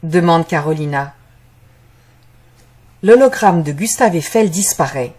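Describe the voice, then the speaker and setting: A woman reading a scripted story for language learners as narrator, in a measured, carefully articulated way. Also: low voice, animated, a little mellow, slightly rough.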